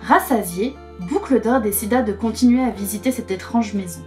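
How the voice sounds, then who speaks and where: A woman reading a children's storybook aloud in a gentle, expressive way. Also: medium pitch, normal speed, soft background music.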